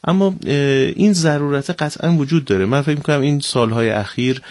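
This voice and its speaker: A man speaking as a guest on a studio interview, in a measured, deliberate way. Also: a little high, darkish tone, dry recording. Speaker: guest, theater director.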